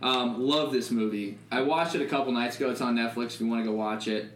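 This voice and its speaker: A man's voice: medium pitch, fast talker, echoey room, slight background noise. A man co-hosting a podcast, chatting casually and loosely, swearing freely and saying "like" a lot. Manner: laid-back, swears freely, lots of "like". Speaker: podcast co-host. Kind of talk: casual chat.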